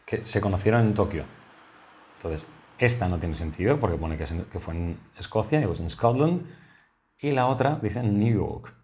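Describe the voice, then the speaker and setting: Man, Spanish accent, exam tutor, low voice, patient step-by-step explaining, frequent check-ins. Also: darkish tone. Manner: patient, methodical, asks "¿vale?" often.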